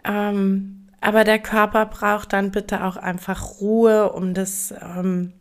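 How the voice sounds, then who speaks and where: Woman host for a solo podcast: slow, hesitant, reassuring talk with a gravelly edge. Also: mid-range voice, flat delivery. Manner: hesitant, many filler sounds, gentle and reassuring. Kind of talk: casual explanatory podcast monologue.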